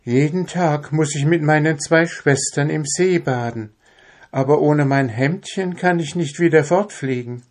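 A man's voice: a little high, a little slow, pitched above the performer's own voice, natural voice. A man doing a pleading young enchanted princess. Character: enchanted king's daughter, young woman, pleading and sad.

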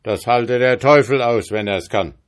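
A man voicing a grumpy, boastful male devil in a read-aloud fairy tale, talking in an impatient, shouting way. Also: medium pitch, a little slow, natural voice. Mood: furious. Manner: shouting, ill-tempered and impatient.

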